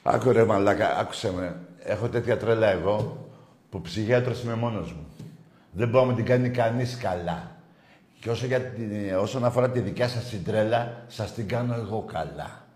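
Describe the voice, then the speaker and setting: A man hosting a rowdy football call-in show, swearing at callers and shouting in bursts. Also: on the low side, reverberant.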